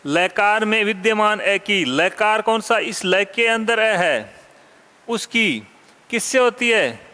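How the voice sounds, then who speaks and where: A man teaching a Sanskrit grammar lesson, asking questions and answering them himself, repeating key terms slowly and dropping casual asides to students. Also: sits high, expressive, bright, forceful tone, long reverb tail. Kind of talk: classroom lecture.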